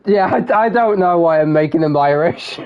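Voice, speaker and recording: A man's voice: a little high, muffled recording, a little hiss or hum. A man streaming a game live, chatting in a rambling, giggly way that keeps interrupting itself. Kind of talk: live gameplay commentary.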